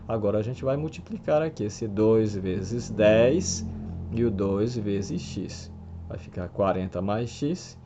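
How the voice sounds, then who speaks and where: A man's voice: medium pitch, a little mellow. A man teaching math, patiently repeating every step of the problem and checking in with his students. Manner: patient, repeats each step, says "pessoal" and "tá?" often. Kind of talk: explaining algebra problems step by step. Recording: dull lo-fi sound.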